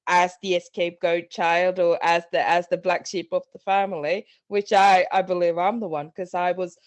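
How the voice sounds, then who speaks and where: A woman's voice: fairly low pitch, level tone, moderate pace, no echo. A middle-aged woman from Sri Lanka, a guest on a podcast interview, speaking in a reflective, earnest way and often restarting phrases. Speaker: guest, parenting coach.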